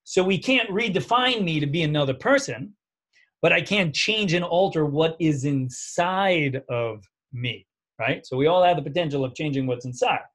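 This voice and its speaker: A man's voice: a little high, animated, moderate pace, a bit bright. Chatty New man teaching code. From New York. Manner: casual, chatty, frequent "right?" checks. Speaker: coding instructor. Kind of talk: live online coding class.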